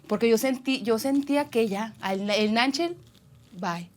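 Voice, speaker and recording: A young Mexican woman telling a frightening personal story in casual chat, animated and swearing freely. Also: a little high, measured pace. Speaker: guest.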